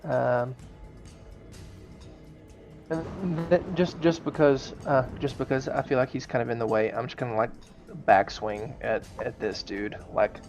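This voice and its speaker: A man's voice: mid-range voice, fairly even intonation, measured pace, darkish tone, soft background music. A man chatting casually as a player in a tabletop fantasy game.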